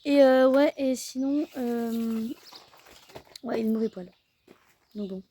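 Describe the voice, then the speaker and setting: A young mother rambles through a casual family vlog of her day, chatting to the camera with lots of fillers and self-corrections. Her voice is fairly high, slow, and mellow.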